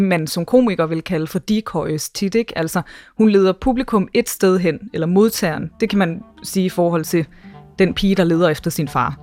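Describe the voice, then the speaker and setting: A woman's voice: on the low side, darkish tone, no room sound, clean studio sound. A woman who is a stand-up comedian, explaining ideas articulately in an interview.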